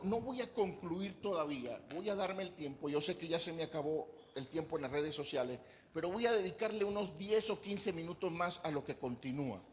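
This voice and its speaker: A man's voice: a little high, slight background noise. A male pastor preaching a sermon in a church, talking conversationally and asking the congregation questions. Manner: preaches conversationally, asks the congregation questions, acts out quoted voices.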